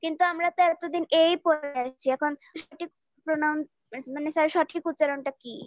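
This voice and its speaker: A woman's voice: sits high, steady tone, brisk, dry recording, dull audio. A young woman student politely and hesitantly asking her teacher a question in an online class.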